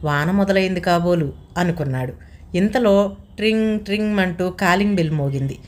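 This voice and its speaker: A woman host reading a short story aloud as an audiobook, steady and welcoming. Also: on the low side, normal speed.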